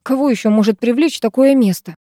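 A woman's voice: on the high side, fairly quick, warm tone, no echo, studio quality, voice pushed up, close to an everyday voice. A woman reading an audiobook, voicing a skeptical, irritable teenage boy who scoffs and dismisses.

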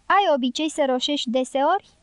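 Reserved young male dynamiter, earnest and plain-spoken, read by a woman; high voice, dry close recording. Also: no echo, lightly acted. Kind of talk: audiobook character reading.

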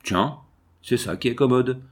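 A man reading a storybook and voicing a cocky teenage boy with a raspy voice, breezy and mock-ceremonious. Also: mid-range voice, a little slow, close to an everyday voice. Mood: cheeky.

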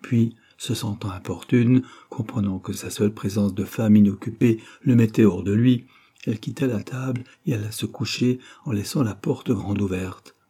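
A male narrator reads literary fiction aloud in a measured, expressive manner. His voice is very dark and husky, and sits somewhat low. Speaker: audiobook narrator.

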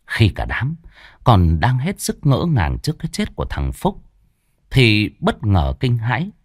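Expressive low-voiced male horror storyteller. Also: breathy edge, no echo, studio quality.

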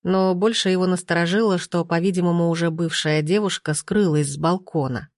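A woman reads an audiobook in a measured, unhurried voice. Her tone sits low. The sound is dry and close. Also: fairly even intonation, a little mellow, no echo. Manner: slow, measured delivery. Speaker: audiobook reader. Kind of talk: audiobook narration.

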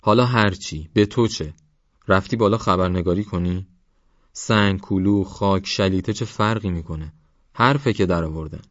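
A man's voice: low voice, a little mellow, dry recording, dull audio, natural voice. A man voicing a fervent village schoolteacher. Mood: irritated. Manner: fervent, lecturing. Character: proud, impatient male village schoolteacher.

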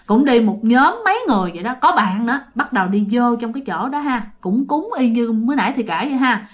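A woman's voice: a little high, brisk. A woman telling a ghost story casually, chatting directly to her listeners. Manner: chatty, addresses listeners, animated.

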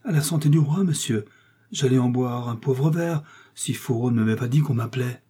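A man's voice: medium pitch, normal speed, dark tone, breathy edge. A man voicing a timid, frightened servant who stammers in a shaken voice.

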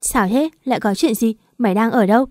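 A woman voicing a brash, foul-mouthed older friend in an audio story, speaking loudly, impatiently and with constant scolding. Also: a little high, a little fast, dry recording, clean studio sound, natural voice.

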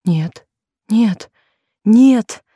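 A woman's voice: medium pitch, steady tone, a little slow, dark tone, no room sound, clean studio sound. A woman playing a timid, pleading young maid. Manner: pleading, tearful.

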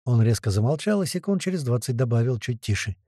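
A man narrating an action audiobook in an expressive storytelling manner. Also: mid-range voice, fast, no room sound, studio quality.

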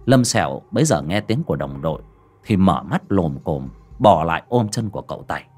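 A man narrating a horror story in a dramatic, animated manner. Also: sits low, a little fast, breathy edge, soft background music. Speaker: audiobook narrator.

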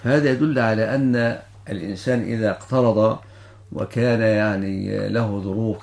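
A man's voice: mid-range voice, creaky, darkish tone. An older Egyptian man speaking as a religious scholar, giving a ruling in formal Standard Arabic with quoted citations. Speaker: Islamic law scholar answering questions.

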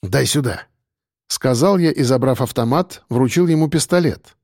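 A man narrating an audiobook in the first person in a steady, tense storytelling manner. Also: mid-range voice, moderate pace, no room sound, studio quality.

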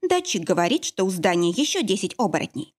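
A woman's voice: medium pitch, sing-song, a little fast, breathy edge. Woman as a fierce commanding heroine. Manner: snapping, growling orders. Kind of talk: audiobook character voice.

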